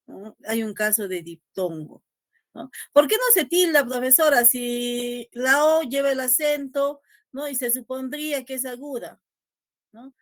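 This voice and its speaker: A woman's voice: on the high side, no echo. Patient woman teacher with a dry close voice. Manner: checks in constantly with a rising tag question; patient, repeats key points. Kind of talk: online class lecture.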